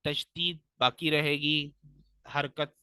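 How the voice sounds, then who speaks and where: A young man from Pakistan teaching Quran recitation in a fairly high, bright, forceful voice. He explains each rule patiently, step by step, then draws the recited words out slowly and loudly. The sound is close and dry, with no room echo. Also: little pitch movement, smooth.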